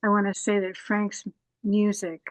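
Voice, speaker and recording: A woman's voice: mid-range voice, a little slow, no echo. A woman in an online group speaks admiringly about a painting and asks the artist questions. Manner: admiring, even-toned. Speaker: group participant. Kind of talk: casual group sharing. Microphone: video call.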